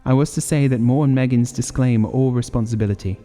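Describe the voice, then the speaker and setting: A man's voice: medium pitch, a little fast, mellow, long reverb tail, soft background music, lightly acted. A man voicing a formal, uneasy company messenger with a stiff, apologetic manner in an audiobook story.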